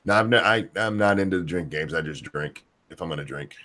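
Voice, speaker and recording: A man's voice: sits low, a little fast, sharp tone. A man hosting a live stream in casual chat, reading out viewer comments with blunt, sardonic swearing.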